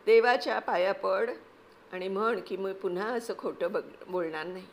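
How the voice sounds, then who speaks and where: A woman's voice: mid-range voice, lightly acted. A woman reading aloud, voicing a stern but loving village mother who scolds firmly. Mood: scolding. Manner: firm, scolding, measured.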